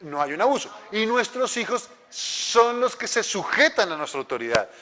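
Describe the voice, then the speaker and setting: A man's voice: high voice, very animated, moderate pace, sharp tone. A male pastor, teaching a church class in a conversational way, joking and asking the audience questions. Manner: conversational, asks the audience, jokes. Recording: long hall reverb.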